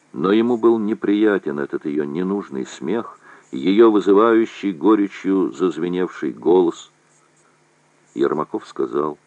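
A man giving a measured audiobook reading of a war novel. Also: deep voice, a little mellow, no room sound. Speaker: narrator. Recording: dull, dry lo-fi recording.

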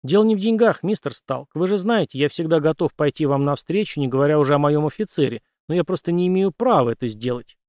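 Man doing old general, weary, quiet, rueful, cautious, dry recording. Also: fairly high pitch, expressive, quick pace, few pauses, no echo, close to an everyday voice.

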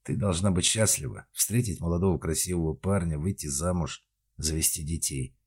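A man voicing a calm, gentle middle-aged man who speaks softly. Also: low voice, normal speed, breathy edge. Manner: calm, soft-spoken.

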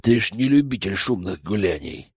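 A stern older village elder, as a man reads him, slow and measured in speech. The reading is dry and close, with a pitch that moves freely. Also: sing-song, slightly rough, no echo, heavily acted. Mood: grave. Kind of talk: audiobook character reading.

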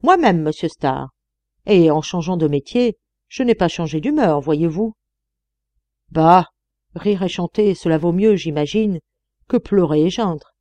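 A cheerful young man from the coal mines bursts out with hearty good humour, as a woman reader voices him. His lines bounce with lively pitch over a warm, mellow tone. The reading is dry and close. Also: measured pace, dry recording. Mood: jovial. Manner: jovial, hearty, calls out loudly. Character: cheerful young male miner turned farmhand, singer.

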